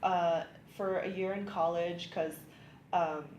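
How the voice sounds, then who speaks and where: On a muffled recording with room echo and faint hiss, a woman in her thirties from California, who works as an immigration attorney, talks upbeat in a casual interview with lots of ums and likes. Her low, slightly mellow voice keeps a fairly even intonation and takes its time.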